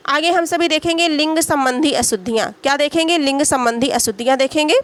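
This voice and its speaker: High-voiced woman drilling Hindi grammar. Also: a little fast. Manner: asks questions and answers them herself, repeats each word; frequent tag "है ना". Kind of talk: exam-prep grammar lesson.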